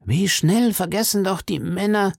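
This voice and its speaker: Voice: mid-range voice, measured pace, vocal fry, no echo, studio quality, pitched above the performer's own voice. A reader voicing a jealous, middle-aged lawyer's wife who pleads and sounds wounded in an audiobook. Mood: pleading. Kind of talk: audiobook character reading.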